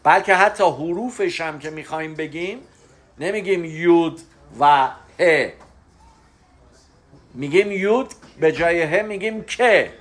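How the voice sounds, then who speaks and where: A man giving a spoken religious lesson, explaining terms step by step with pauses to stress key words. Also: sits high, a bit bright. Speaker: religious teacher.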